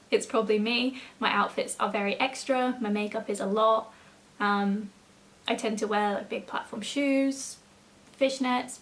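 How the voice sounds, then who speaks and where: A young woman with a voice pitched a little high. She talks as a YouTuber in casual storytime mode, informal and rambling, often breaking off into small asides.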